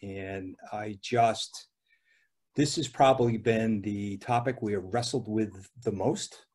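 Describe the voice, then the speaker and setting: Husky older man, halting, video call. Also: on the low side, darkish tone. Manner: halting, with many restarts and fillers. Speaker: ski area owner on a panel. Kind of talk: panel discussion on a video call. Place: dim room at home. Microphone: video call webcam.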